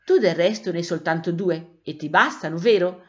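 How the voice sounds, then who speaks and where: A woman's voice: on the low side, normal speed, a little mellow, close to an everyday voice. Woman voicing Zoppino, thin-voiced chalk cat. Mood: chatty. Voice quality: thin little voice with a cough. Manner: friendly, explaining. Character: small lame chalk-drawn talking cat, chatty and wise. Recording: dull lo-fi recording.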